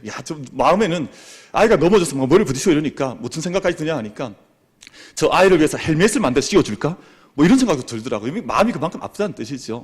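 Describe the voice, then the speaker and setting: A man's voice: mid-range voice, husky. A male pastor preaching a sermon in a church, acting out what parents and children say. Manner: animated, acts out parents' and children's words. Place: church sanctuary.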